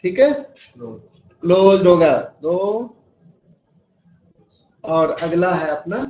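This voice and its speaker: A male maths teacher with a high-sitting voice lectures very slowly in a classroom, working through steps and quizzing his students. The room is echoey and the sound slightly dull.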